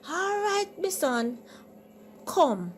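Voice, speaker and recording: A woman's voice: very high voice, very animated, drawn-out words, a little hiss or hum, pitched above the performer's own voice, full character voice. A Jamaican-accented woman voicing a patient crab father in a storybook tale, coaxing his child. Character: patient old crab father, a head maker. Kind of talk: storybook character voice.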